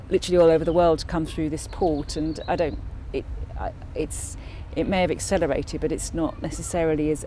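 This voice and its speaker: A woman's voice: low-pitched, dark tone, slight background noise. A woman, a local councillor answering interview questions thoughtfully, with many restarts and fillers.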